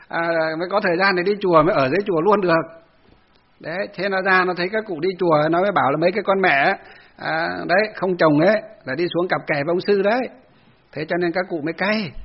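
A man's voice: high-pitched, breathy edge, lo-fi sound. A man, a Buddhist monk telling a story in a conversational dharma talk to lay Buddhists. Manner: storytelling, conversational, acts out quotes.

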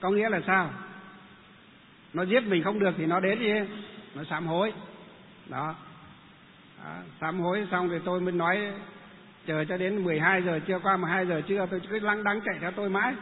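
A man's voice: high-pitched, brisk, pauses often. A man who is a Buddhist monk, telling a story and asking himself questions. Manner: lively, rhetorical questions. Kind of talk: storytelling talk. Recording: tinny phone-like sound with long reverb and faint noise.

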